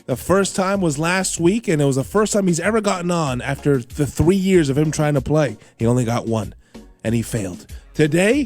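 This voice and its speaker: Sick-voiced animated male radio host. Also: sits high. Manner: animated, teasing, laughs often. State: sick, voice not his usual. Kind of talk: radio quiz show hosting.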